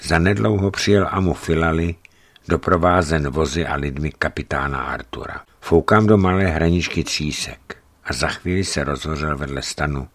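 A man narrating a travel story in a measured, serious first-person reading. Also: extremely low pitch.

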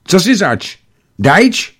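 A man's voice: high voice, huge pitch swings, fairly bright tone, husky, voice pushed up, full character voice. A man voicing a scrappy, wary young village boy who talks bluntly and suspiciously. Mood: bold, suspicious.

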